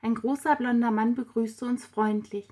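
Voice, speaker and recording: A woman narrating a story aloud with steady, even delivery. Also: on the high side, moderate pace. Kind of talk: storybook reading.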